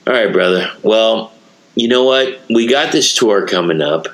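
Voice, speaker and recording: A man hosting a podcast interview, talking loosely and excitably and often saying "you know what" and "dude". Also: lowish voice, unhurried, low-quality recording. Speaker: podcast host. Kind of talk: casual interview chat.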